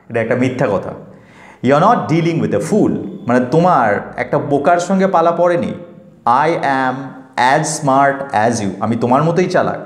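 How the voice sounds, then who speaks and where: Man teaching a lesson: slow English reading, relaxed explaining, roomy sound. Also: on the high side. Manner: reads English lines slowly, then explains casually. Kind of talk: line-by-line translation lesson.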